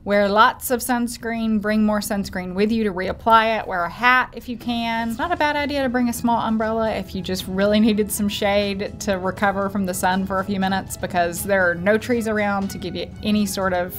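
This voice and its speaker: A middle-aged woman with a mid-pitched voice gives earnest, practical tips in a travel vlog. Faint music plays under her commentary. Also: fairly even intonation, moderate pace, hardly any pauses. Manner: earnest, advising. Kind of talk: scripted commentary with co-host.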